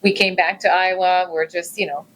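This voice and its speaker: A woman's voice: on the low side, normal speed, low-quality recording. A middle-aged woman, a mother and podcast co-host, telling a family story in casual chat and acting out the quotes. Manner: animated storyteller, acts out quotes, laughs easily.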